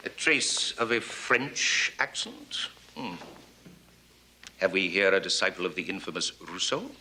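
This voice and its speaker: A man's voice: deep voice, sing-song, measured pace, pushed and bright, slight background noise, full character voice. An actor playing a pompous aristocratic English statesman, lecturing in a period film. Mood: haughty. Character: haughty aristocratic English statesman, older man. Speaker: Lord North, Prime Minister.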